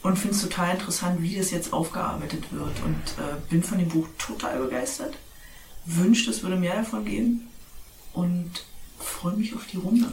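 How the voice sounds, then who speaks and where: A woman's voice: lowish voice, normal speed, gravelly, a little mellow. A woman in her forties from East Berlin, speaking thoughtfully and with enthusiasm as a roundtable guest. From East Berlin, Germany. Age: 40s. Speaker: discussion guest. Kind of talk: casual roundtable talk. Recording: roomy, distant, faint noise.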